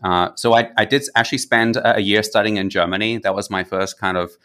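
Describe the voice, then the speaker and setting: A man's voice: lowish voice, steady tone, a little fast, a bit bright. A man in his forties with an Australian accent, talking as a podcast guest in a friendly conversational way, with frequent fillers and restarts. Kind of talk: conversational interview.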